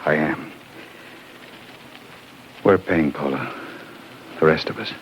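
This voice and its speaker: An actor playing a desperate, bitter scientist in an impassioned 1950s radio drama. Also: male voice, a bass voice, takes it slowly. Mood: weary, bitter. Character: desperate, bitter male scientist pleading to save the galaxy. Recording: muffled, noisy old radio recording.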